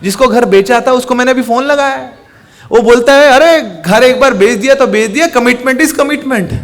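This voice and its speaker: A man voicing a calm young adult son who reassures his father. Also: very high voice, normal speed, in a large hall, voice pushed up. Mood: reassuring.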